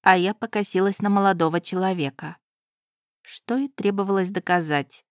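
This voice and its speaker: A woman with a mid-range voice narrates a first-person audiobook in a measured, expressive storytelling style. The recording is clean studio sound with no room ambience.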